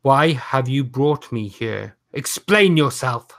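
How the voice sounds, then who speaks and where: A man voicing an imperious male figure who speaks slowly and gives commands. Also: medium pitch, lively intonation, vocal fry, a bit bright, full character voice. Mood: demanding.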